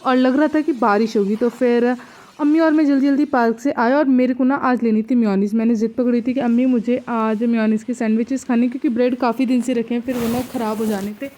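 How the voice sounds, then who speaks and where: A young woman narrates a casual home vlog in a chatty, friendly flow, slipping English words into her talk. Her voice sits a touch high. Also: fairly even intonation, fairly quick, warm tone. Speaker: vlogger.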